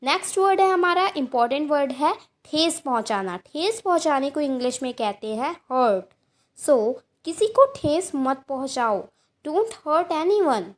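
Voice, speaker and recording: Slow, high-voiced Indian woman teaching English. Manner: repeats each word and spells it out letter by letter; reads English example sentences very slowly and deliberately. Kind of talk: vocabulary lesson.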